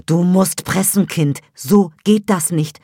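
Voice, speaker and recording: Lady doing a bossy midwife shouting orders, low voice, dead dry studio. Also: takes it slowly, dry recording. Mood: harsh scolding. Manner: loud, scolding, commanding. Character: harsh stern village midwife, woman, scolding. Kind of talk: audiobook reading for radio.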